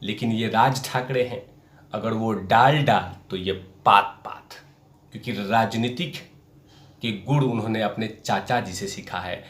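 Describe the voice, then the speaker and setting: Fairly low in pitch and a bit bright, this male host of a political commentary program takes his time. He delivers the news emphatically, circling back to phrases to drive points home, in a roomy, echoey recording.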